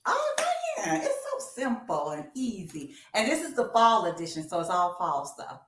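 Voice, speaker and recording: A woman's voice: on the high side, huge pitch swings, measured pace, a bit bright. A woman in her fifties co-hosting a casual livestream, talking animatedly and encouragingly straight to her viewers. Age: 50s. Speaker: co-host of a music talk livestream. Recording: roomy, echoey livestream sound.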